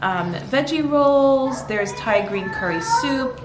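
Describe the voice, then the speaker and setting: A woman's voice: high voice, lively intonation, slow. A woman in her thirties chatting casually and upbeat to camera at home, rambling through asides. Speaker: vlogger. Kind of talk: casual vlog chat. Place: home kitchen. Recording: echoey home room with faint noise.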